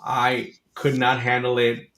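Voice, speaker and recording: A man's voice: medium pitch, completely flat delivery, takes it slowly, fairly bright tone, slight background noise. A man hosting an interview, telling a personal story candidly with plenty of fillers and restarts. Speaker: host. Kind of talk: conversational interview. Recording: echoey room.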